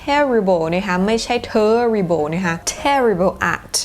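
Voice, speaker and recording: A Thai woman with a Thai accent teaching a bilingual grammar lesson, saying each example sentence slowly and repeating it. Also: medium pitch, expressive. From Thailand. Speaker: English teacher.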